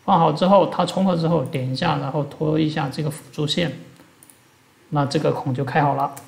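A man walks through a screen-recorded software tutorial one step at a time. His voice is gravelly and sits a little high, and he explains each action plainly as he goes. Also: steady tone, fairly quick. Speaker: instructor.

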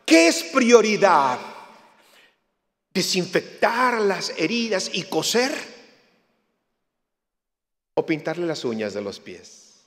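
A man giving a lively church talk, a jokey storyteller who acts out other people's lines. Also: high-pitched, slow, pauses often. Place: church hall. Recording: reverberant hall.

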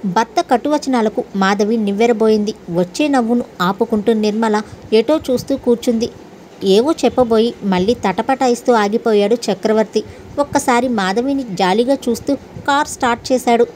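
A woman with a fairly high voice narrates a story in a steady, scripted way. She reads every character's lines in her own voice. A faint hiss of noise sits under the recording. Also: normal speed.

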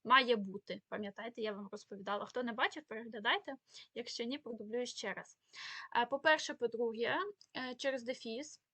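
A woman's voice: a little high, brisk, pushed and bright, slightly rough, no echo. A woman teaching a spoken grammar lesson, explaining rules with many fillers and self-corrections. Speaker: Ukrainian language teacher.

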